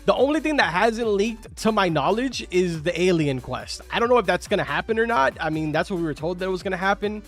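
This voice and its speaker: Through a studio mic, a young game streamer whose native language is Spanish answers his live viewers' questions in a relaxed way, full of filler words. He has a high, somewhat bright voice, animated and brisk with few pauses. Game music plays faintly in the background.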